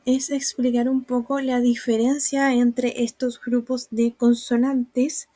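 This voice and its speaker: Slow, patient woman teaching. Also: sits high, warm tone, dry recording. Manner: slow, patient explaining with examples. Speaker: Mandarin teacher. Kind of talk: recorded online lesson.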